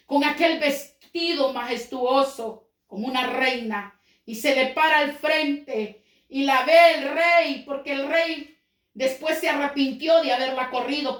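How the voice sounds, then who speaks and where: Woman preacher, high voice, storytelling sermon, roomy echo. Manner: storytelling with dramatic slowdowns and acted quotes.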